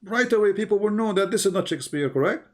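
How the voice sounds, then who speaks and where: Speaking English that isn't his first language, this male religious debater delivers a polemical live lecture to a caller. His voice is high-pitched, animated, a little mellow and quick. He presses his points like a teacher and fires off rhetorical question after rhetorical question.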